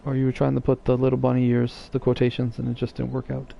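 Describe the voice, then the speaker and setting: A man's voice: medium pitch, monotone, quick pace, vocal fry, warm tone, highs cut off, slight background noise. A man streaming live, chatting casually and teasing his viewers in a rambling way.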